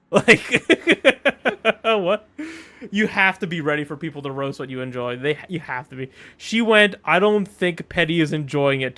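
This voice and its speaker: A man streaming a video game, chatting casually with animated, joking mock outrage. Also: on the high side.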